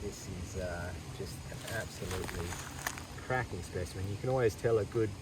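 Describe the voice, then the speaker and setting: Australian male nature presenter, low register, enthusiastic slangy field delivery, noisy outdoor recording. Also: fairly quick, distant mic. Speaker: wildlife host. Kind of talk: wildlife field vlog, casual presenting to camera. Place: outdoors in the bush.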